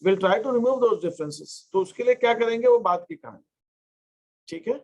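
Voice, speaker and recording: A man's voice: high voice, expressive, darkish tone, dull audio. A man teaching an accountancy class, explaining step by step and mixing English terms into his talk. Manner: dictates terms slowly while writing. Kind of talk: classroom lecture.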